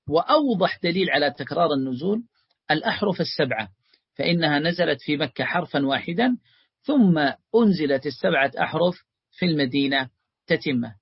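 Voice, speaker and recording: A man's voice: fairly high pitch, husky, no echo, lo-fi sound. A man teaching a religious lesson, explaining a text and calling his students his beloved ones.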